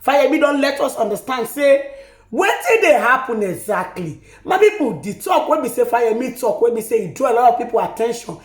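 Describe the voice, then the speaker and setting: Nigerian Pidgin, Nigerian accent, excited commentator, dramatic exclamations, highly animated pitch, echoey recording. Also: a little fast. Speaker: online commentator.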